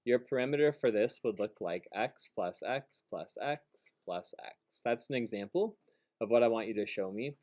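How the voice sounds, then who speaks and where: A man teaching a math class, joking with students and then giving brisk, directive instructions. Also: medium pitch, animated, a little mellow.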